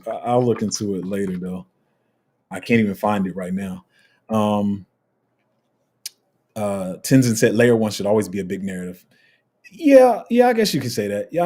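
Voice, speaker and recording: Reading out viewer comments on a casual crypto livestream, this man speaks in a low, slightly husky voice. He responds in a loose, meandering way, with plenty of ums and false starts, keeping an easygoing, chatty delivery throughout.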